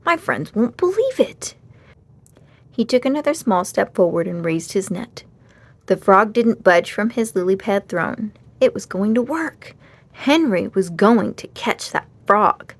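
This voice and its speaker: This is a woman reading a children's storybook out loud, expressive in the way of a read-aloud. She speaks a little slowly, at medium pitch.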